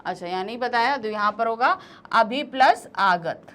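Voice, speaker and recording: A woman teaching a grammar lesson, reading out word lists slowly one word at a time with quick explaining asides. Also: fairly high pitch, lively intonation, a bit bright. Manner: slow, deliberate word-by-word dictation with quick asides.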